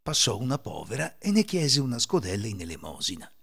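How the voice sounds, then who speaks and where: A man hosting a podcast and narrating folk fairy tales in an expressive, lilting storytelling manner. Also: mid-range voice, brisk, creaky, breathy edge. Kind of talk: scripted fairy-tale narration.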